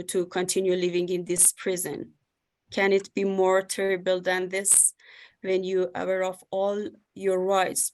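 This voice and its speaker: Woman, Afghan accent. Steady, flat intonation, halting word-by-word testimony at a panel interview. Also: medium pitch. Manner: halting, searching for words in non-native English.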